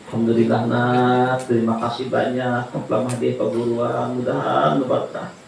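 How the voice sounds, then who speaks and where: A man preaching a sermon, lively and jokey, often rising into high pleading cries. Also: moderate pace, vocal fry, a little hiss or hum. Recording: echoey hall from far off.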